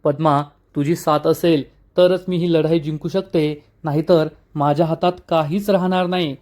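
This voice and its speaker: A resolute young woman reassures her friend in a firm, soothing tone, as a man reads her part. Her voice sits a little high and stays steady and determined. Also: moderate pace, natural voice.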